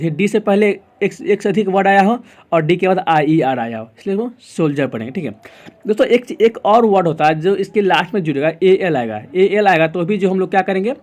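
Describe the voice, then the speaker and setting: A man's voice: sits high, a little mellow. A man with an Indian English accent teaching a pronunciation lesson, asking the class questions and answering them himself, repeating each rule. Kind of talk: explaining lesson in Hindi.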